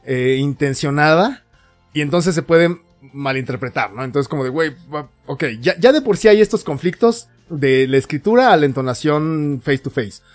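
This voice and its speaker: A man's voice: on the high side, lively intonation, normal speed, soft background music. Tipsy young Mexican man chatting. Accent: Mexican Spanish. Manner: chatty, laughs often, acts out quoted texts. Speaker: podcast co-host. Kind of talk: casual chat.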